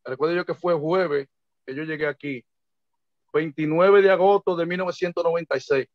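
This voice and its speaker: Dominican guy, middle aged, kinda high voice, chats and acts out quotes, lo-fi muffled dry audio. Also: normal speed, no echo. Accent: Dominican Spanish. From Dominican Republic. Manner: animated anecdotes, acting out quoted voices, chuckling. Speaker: interview guest, merengue and bachata singer. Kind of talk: casual storytelling interview. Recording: dull lo-fi dry sound.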